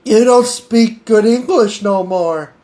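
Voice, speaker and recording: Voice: mid-range voice, slow pace, mellow, faint music behind. A podcast host chatting casually with an AI, giggling and stammering through restarts. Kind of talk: casual improvised chat with an AI.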